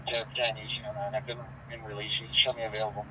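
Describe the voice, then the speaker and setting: Man, police radio transmission, somewhat low voice, dull static-laden sound. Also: flat delivery, quick pace. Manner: clipped call signs. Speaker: responder on a radio channel. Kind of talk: terse radio call.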